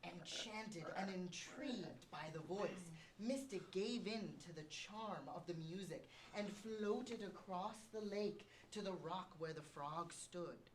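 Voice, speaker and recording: A young woman co-hosting a campus show, reading a silly scripted story in a slow, deadpan way. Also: fairly low pitch, a little hiss or hum, poor audio. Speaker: co-host. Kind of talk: reading a scripted comic tale.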